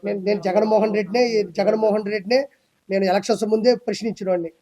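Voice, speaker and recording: A man, ranting loudly and emphatically as a guest in a heated political interview. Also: high-pitched, steady tone, rapid-fire. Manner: loud, emphatic, repetitive ranting.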